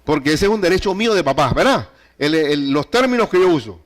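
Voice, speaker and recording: A man's voice: a little high, very animated, fairly quick. A man preaching a sermon, speaking emphatically, repeating key phrases and asking the listeners rhetorical questions. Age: adult with a child.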